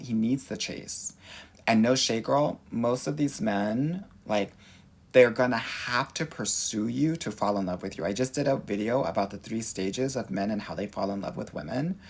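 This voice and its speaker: A man in his forties with a Californian Valley girl accent, chatting casually and sassily as a dating coach answering livestream questions on a phone in a room at home. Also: fairly low pitch. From Los Angeles, United States. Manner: sassy, campy, expressive, addresses viewers as girl. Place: small indoor room at home. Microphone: phone at arm's length.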